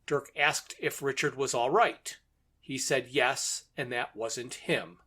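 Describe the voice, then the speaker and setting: A podcast co-host, male, goes through a radio drama episode point by point in conversation, often breaking into chuckles. His medium-pitched voice has a sharp tone, and he talks slowly.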